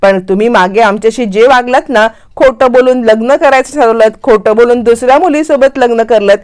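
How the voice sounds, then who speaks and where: A woman's voice: fairly high pitch, brisk, a little mellow, lightly acted. Haughty defiant woman, a lady narrator doing her, full of attitude, firm.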